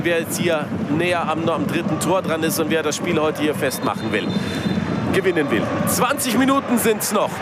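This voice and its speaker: High-pitched male football commentator over loud noise. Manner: excitable, detailed play-by-play. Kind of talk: live football match commentary. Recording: loud stadium ambience behind the voice.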